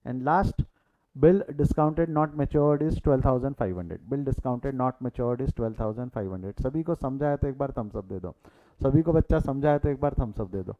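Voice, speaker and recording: A man of medium pitch takes his time teaching a live online accounting class. Mixing in English terms, he repeats the key figures and keeps asking students to reply in the chat. The sound is thin and phone-like.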